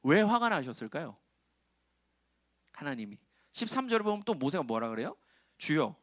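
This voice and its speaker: Lively, conversational male pastor preaching. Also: a little high, no echo, studio quality. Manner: conversational, asks the congregation questions and acts out quoted lines. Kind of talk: sermon to a young adults' congregation.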